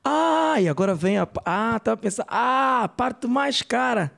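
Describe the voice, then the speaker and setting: On a comedy club stage, a male stand-up comedian performs a character bit as a brash, gossipy Angolan woman with an Angolan Portuguese accent. His very high, creaky voice is heavily acted and unhurried. The mood is chatty, and he tells the story in an animated, talkative way.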